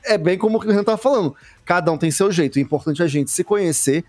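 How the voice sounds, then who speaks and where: A man's voice: high-pitched, animated, quick pace, darkish tone. A man in a casual group chat, explaining his point earnestly.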